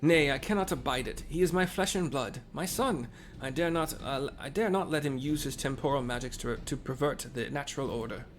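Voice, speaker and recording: A man voicing an earnest old gentleman in a game, with a strained, aged voice and courtly, archaic speech. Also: medium pitch, a little fast, hardly any pauses, soft background music, close to an everyday voice. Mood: resolute. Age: older. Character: old gentleman inspector, formal, earnest, protective father. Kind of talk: game dialogue read aloud.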